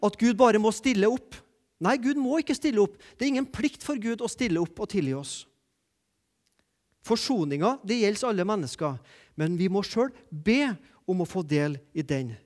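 High-pitched guy preaching, repeats himself for emphasis, gets loud then hushed. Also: expressive. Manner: emphatic, repeats key phrases, rises and drops sharply in loudness. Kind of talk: sermon.

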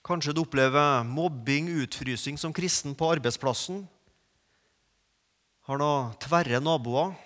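A man preaching a sermon, moving from quiet reflection to emphatic, rising peaks. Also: fairly high pitch. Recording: long reverb of a large hall.

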